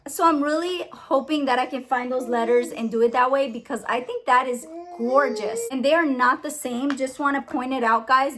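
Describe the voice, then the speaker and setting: A young woman with a notably high voice talks through her shopping haul. She is chatty and gushing, with a casual, friendly pace. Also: a bit bright. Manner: chatty, enthusiastic, giggly over a tongue-twister. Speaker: haul vlogger. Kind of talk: casual haul video chat.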